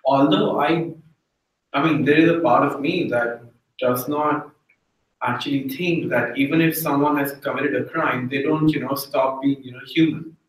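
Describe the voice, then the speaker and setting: A man's voice: medium pitch, fairly even intonation, moderate pace. A man in an informal group discussion, thinking aloud in a conversational way. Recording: very echoey room, distant mic.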